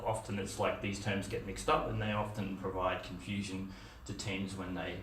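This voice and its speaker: Speaking at a meetup conference talk, a middle-aged man with an Australian accent is casual and conversational, full of fillers and restarts. His low voice is flat in delivery, fairly bright in tone, and moderate in pace. Recorded by a distant camera in a dim, echoey room with a projector screen, the audio has a little hiss or hum.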